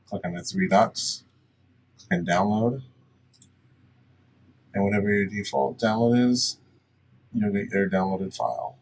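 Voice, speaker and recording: Like a casual presenter doing a tutorial, a man with a low voice explains software steps in plain, instructional terms. He's positioned away from the microphone, and faint background noise can be heard.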